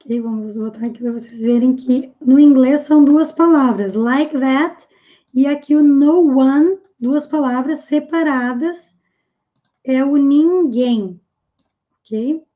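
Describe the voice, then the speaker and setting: A woman English teacher explaining a lesson, patiently repeating English phrases slowly and clearly. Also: high-pitched, lo-fi sound.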